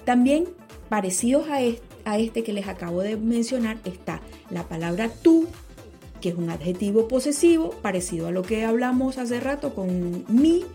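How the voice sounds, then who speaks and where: A woman explaining grammar rules in a spoken lesson, slowing down on key points and correcting herself as she goes. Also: a little high, expressive, mellow, soft background music. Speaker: teacher.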